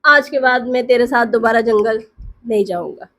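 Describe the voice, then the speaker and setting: A woman voicing a timid young male friend who scares easily, speaking in a pleading, worried way and a little lower than her own voice. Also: normal speed, a bit bright, lightly acted. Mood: anxious.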